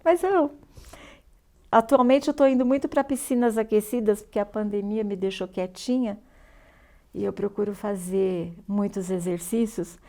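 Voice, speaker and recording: A woman's voice: mid-range voice, moderate pace. An older woman with a Brazilian Portuguese accent, a guest in an interview, telling a personal story and acting out the dialogue. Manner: lively storyteller, acts out dialogue.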